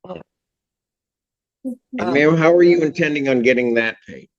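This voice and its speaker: A male judge running a courtroom hearing, brisk and directive as he moves through cases. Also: on the high side, lo-fi sound.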